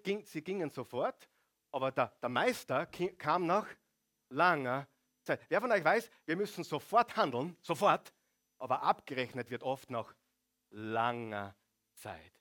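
A man's voice: on the high side, pushed and bright. A man preaching a sermon, animating the congregation with rhetorical questions. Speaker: pastor.

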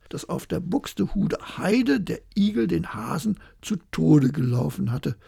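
A storyteller reading a bedtime fairy tale in a lively, expressive way, with a gravelly, very husky voice. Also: mid-range voice, no echo, studio quality.

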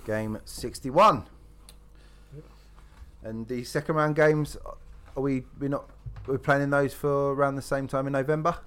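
A man's voice: medium pitch, steady tone, unhurried, fairly bright tone, smooth. A man hosting a live sports draw, announcing each number as a fixture and chatting casually in between. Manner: repeats each drawn number as a match announcement.

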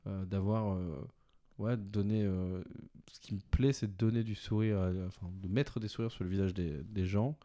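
Hesitant low-voiced man, warm tone. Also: steady tone, moderate pace. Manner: hesitant, many restarts, laughs easily. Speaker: executive director of a watch brand, guest. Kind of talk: podcast interview answers.

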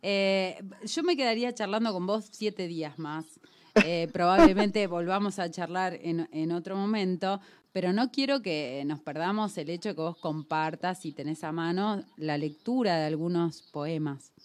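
A woman's voice: fairly low pitch, normal speed, a little mellow. A woman with a Rioplatense Argentine accent, hosting a casual radio interview in an enthusiastic, conversational way. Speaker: radio host.

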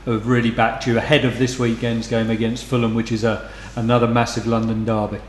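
A man's voice: medium pitch, level tone, roomy sound, a little hiss or hum. A man hosting a podcast interview, putting questions to the guest, some of them from listeners. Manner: reads listener questions, brisk. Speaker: podcast host. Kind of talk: casual interview.

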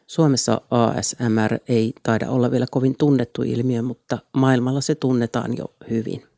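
Guy reading his podcast script, calm and even, gravelly mellow voice, dry small room. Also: mid-range voice, dry recording. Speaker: podcast host. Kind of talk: scripted solo podcast narration. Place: small home studio in an upstairs room.

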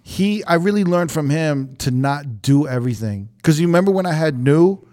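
Chatting loosely as a podcast host, this young man swears freely and leans heavily on "like" and "you know." His voice sits a little high, with an animated, dark tone at a normal pace.

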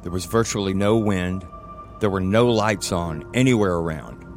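A man telling a personal story for a podcast, measured, in short scene-setting phrases. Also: deep voice, soft background music. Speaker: guest storyteller, musician.

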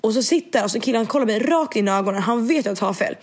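Young woman telling a story, casual. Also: fairly high pitch. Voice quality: speech impediment. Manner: animated, quotes others with "jag bara", swears freely.

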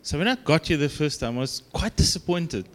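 Informal preacher with an Afrikaans South African accent. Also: male voice, fairly high pitch, animated, slight background noise. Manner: self-deprecating, conversational, halting. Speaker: guest preacher. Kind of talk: informal sermon to a congregation.

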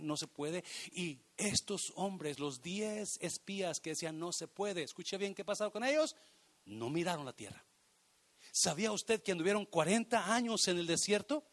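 A man preaching a sermon as pastor, emphatic and repetitive, rising to loud shouts and slipping English phrases into his Spanish. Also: sits high.

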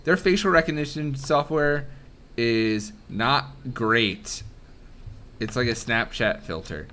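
Brief: male game master, animated storyteller, bright crisp tone. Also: mid-range voice. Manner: lively, quick narration with playful voices. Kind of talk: narrating a tabletop game.

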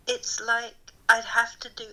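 A woman's voice: a little high, monotone, unhurried, bright, forceful tone, low-quality recording. A woman chatting casually with a wry, self-deprecating way of exaggerating. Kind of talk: casual chat.

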